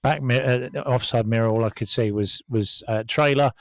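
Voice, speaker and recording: A man's voice: mid-range voice, steady tone, moderate pace, no echo, studio quality. Man telling a wry anecdote. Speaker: podcast co-host, truck driver. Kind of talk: casual podcast chat.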